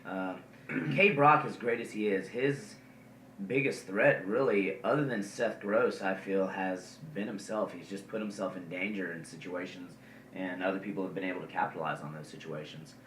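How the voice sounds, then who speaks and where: This podcast co-host has a deep, slightly bright voice and talks at normal speed, rambling through casual wrestling chat full of ums and uhs. He was recorded from a distance, in an echoey room with faint noise.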